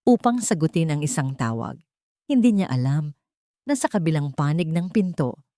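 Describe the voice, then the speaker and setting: This clean studio recording, free of room sound, features an audiobook narrator with a Filipino accent delivering a dramatic scripted story. She speaks in a mellow voice on the low side.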